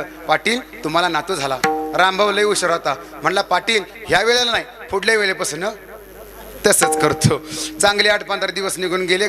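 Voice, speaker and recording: A man preaching a devotional kirtan, telling a folksy village story and acting out shouted calls. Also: high voice. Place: village temple gathering. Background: devotional music.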